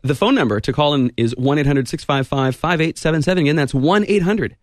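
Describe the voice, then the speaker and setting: A man hosting a casual radio talk show, talking fast with quick interjections and frequent laughs. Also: fairly high pitch, expressive, dry recording, clean studio sound. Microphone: studio microphone.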